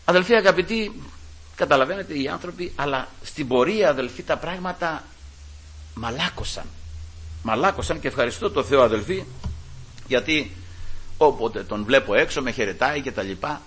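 A man preaching a sermon, fervently addressing the congregation as brothers and telling personal stories, moving between quiet asides and loud, emphatic peaks. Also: medium pitch, lively intonation, pauses often, breathy edge. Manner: fervent, keeps calling out to his brothers. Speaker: Pentecostal preacher.

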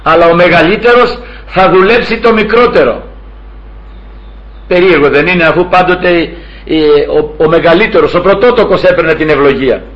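Fervent high-voiced preacher in his sixties. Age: 60s. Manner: fervent, storytelling, often addressing brothers. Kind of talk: sermon. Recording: dull lo-fi recording.

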